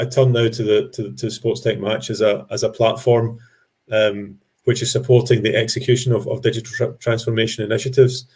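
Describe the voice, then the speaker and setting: A man presents to an industry audience, explaining business matters in a measured way with many ums and restarted phrases. His voice is lowish with a darkish tone.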